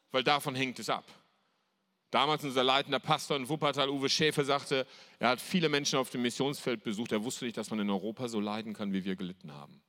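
A man preaching a sermon in a middle-pitched voice, driving his points home with emphatic repetition and story. His voice carries a long reverb through a large church hall. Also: pushed and bright. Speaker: pastor.

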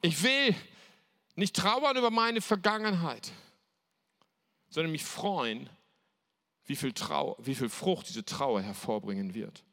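Emphatic, high-voiced, gravelly male preacher. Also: animated, slow pace, long pauses, bright, forceful tone. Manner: emphatic, repeats key phrases. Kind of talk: sermon.

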